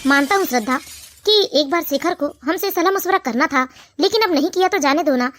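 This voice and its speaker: A voice artist playing a calm, patient elder brother and husband in an animated family cartoon, speaking in a conciliatory way. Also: sits high, a little fast.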